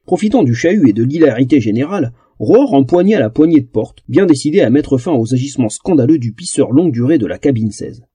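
A man narrating a comic fantasy audiobook in an expressive storytelling manner. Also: mid-range voice, husky, dry recording.

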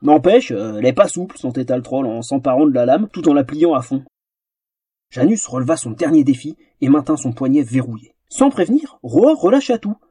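A man reads a fantasy tale aloud with theatrical flair. His voice is husky and mellow, and his pitch rides high and moves a lot. The recording is close and dry. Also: no room sound. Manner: theatrical, animated storytelling. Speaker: narrator. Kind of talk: expressive audiobook narration.

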